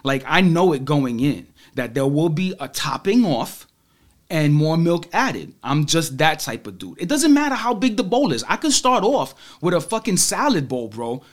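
A married man telling animated, slangy stories in a casual chat, laughing often. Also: on the high side, normal speed. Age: adult, married.

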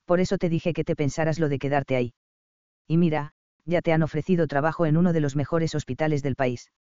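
Man as a meddling middle-aged mum, teasing and chatty, crisp voice. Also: fairly high pitch, fairly even intonation, fairly quick, a little mellow, dry recording, muffled recording, lightly acted. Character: cheerful, meddling middle-aged mother on a ranch.

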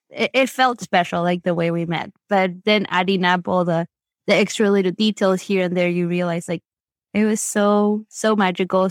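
On a podcast, an Argentine-accented woman tells stories in a loose, casual interview, wandering off track and leaning on fillers. Her medium-pitched voice comes through clean studio sound with no echo.

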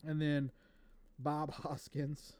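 A man co-hosting a casual podcast, reading movie trivia from his notes in a relaxed way with fillers. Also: a little high, very slow. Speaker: podcast co-host.

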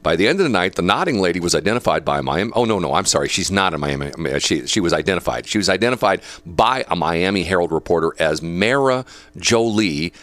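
A man's voice: sits low, lively intonation, quick pace, fairly bright tone, dry recording. A man hosting a talk show, reading news quotes aloud with chatty, opinionated asides and laughter between points. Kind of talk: casual talk radio commentary.

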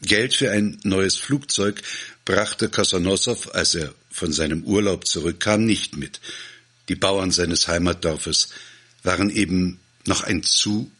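Man, storyteller, expressive, husky, low. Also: a little slow. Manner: dramatic, expressive. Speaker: narrator. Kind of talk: reading a satirical story aloud.

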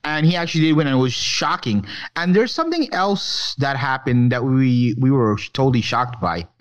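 A man in casual podcast chat about film who rambles, curses and restarts his sentences. His voice sits at a middle pitch. The recording is a bit dull and lo-fi. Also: very animated, normal speed. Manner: rambling, profane, lots of restarts. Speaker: podcast co-host.

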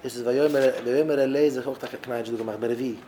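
Rabbi guy preaching to young husbands, gets loud and fired up then quiet, kinda noisy recording. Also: mid-range voice, steady tone, rapid-fire. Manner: emphatic, voice swelling loud on key words. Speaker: rabbi giving a talk to young married men.

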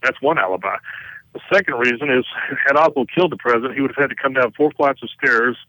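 Fast, emphatic male interview guest. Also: medium pitch, sharp tone, no echo, rough recording. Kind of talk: conversational explanation of a case.

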